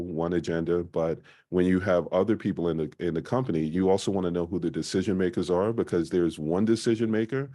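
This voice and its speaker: A man presenting a small-business marketing workshop in a conversational way, often pausing on "uh". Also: sits low, mellow. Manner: conversational, frequent "uh" fillers.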